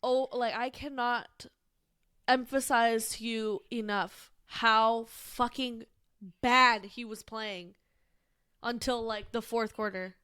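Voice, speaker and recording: Brief: female podcast co-host, casual sports chatter, bright-pitched and smooth, dry close sound, lots of "like" and cursing. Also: steady tone, slow, no room sound. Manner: rambling, swears freely, many fillers.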